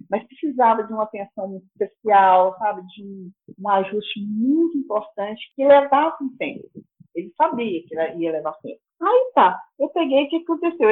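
A woman's voice: on the high side, slightly rough. A Brazilian Portuguese-speaking woman hosting a podcast, telling chatty stories and exclaiming to her listeners. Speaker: podcast host. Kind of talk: casual storytelling monologue. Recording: tinny phone-like audio.

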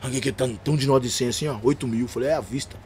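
A man with a São Paulo accent rattles off his stories at a quick clip, full of slang. He acts out each exchange as he tells it, in the easy style of a podcast guest. A faint room ambience sits under his voice. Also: medium pitch, slight background noise. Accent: São Paulo Portuguese. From São Paulo, Brazil. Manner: animated slangy storyteller, acts out dialogue. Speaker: podcast guest, gospel rapper and preacher. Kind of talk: casual storytelling chat.

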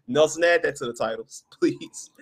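A man's voice: on the high side, normal speed, breathy edge. A man hosting a casual podcast, joking and emphatic. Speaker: podcast host.

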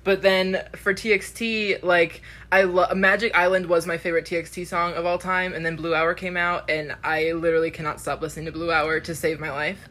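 Young woman co-host, low-ish voice, excited gushing fan chat. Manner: gushing, laughing, fast fan talk. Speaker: podcast co-host. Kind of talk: casual chat.

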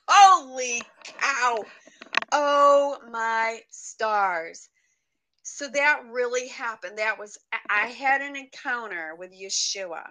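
Slow, bright-voiced woman giving testimony. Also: medium pitch, poor audio. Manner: earnest and heartfelt. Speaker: radio guest sharing her testimony. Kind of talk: personal faith testimony.

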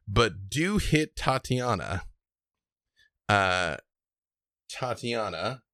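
A man's voice: fairly low pitch, fairly bright tone, no room sound, clean studio sound. A man narrating a tabletop game as the game master, moving between story description and rules.

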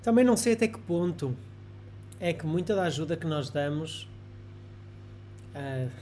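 Portuguese professor guy, kinda high voice, thinks out loud, lots of restarts. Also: animated, moderate pace, slight background noise. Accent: European Portuguese. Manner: thoughtful, hesitant, many restarts. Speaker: guest professor. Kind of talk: casual discussion.

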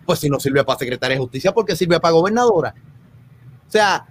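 A man's voice: fairly high pitch, animated, fast, slightly rough. A man, a guest in a casual podcast chat, joking and mimicking people.

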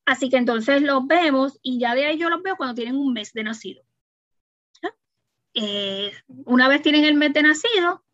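A woman pediatrician, calmly explaining routine baby checkups in a practical, reassuring manner and acting out parents' questions. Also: high voice, no echo, lo-fi sound. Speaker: pediatrician guest. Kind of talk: explanatory podcast interview.

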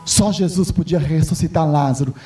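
High-voiced pastor guy preaching in church, emphatic, mic far away, soft music behind. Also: moderate pace. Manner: emphatic, repetitive, rising to shouts. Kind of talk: sermon. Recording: distant mic with faint music.

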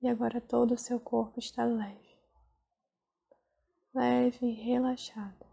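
A woman guiding a relaxation meditation, speaking very slowly and softly, often dropping into a whisper. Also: a little high, level tone. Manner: very slow, soft, breathy, drifting into whispers. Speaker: meditation guide.

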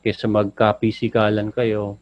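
A man's voice: on the low side, completely flat delivery, unhurried, dry recording. A joking man co-hosts a casual chat, handing out playful advice with a bit of slang. His voice comes across dry and close, with a slightly dull, muffled sound. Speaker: podcast co-host.

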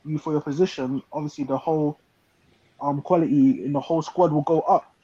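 A man's voice: fairly high pitch, steady tone, a little fast, mellow, slight background noise. A man giving his view as a fan in a casual panel chat, on a dull lo-fi recording. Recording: dull, dry lo-fi sound.

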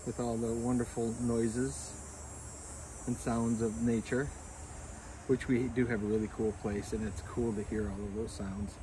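A man's voice: medium pitch, level tone, a little slow. A man co-hosting a podcast, chatting casually and explaining things in a storytelling way, recorded outdoors in a backyard. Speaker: podcast co-host. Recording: outdoor recording with clear background noise.

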